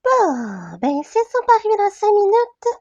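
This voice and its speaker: A bossy, self-important princess hostess, played by a woman with a Québec French accent. She speaks in a high voice that swoops up and down as she orders everyone around. The recording sounds slightly muffled, like a home setup. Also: huge pitch swings, normal speed, darkish tone, full character voice. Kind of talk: toy role-play storytelling.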